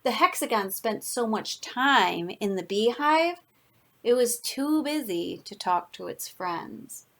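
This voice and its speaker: A woman with a fairly high voice reads a children's story aloud like a teacher. She takes it very slowly, placing expressive, dramatic emphasis on the words for young listeners. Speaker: teacher reading a picture book aloud.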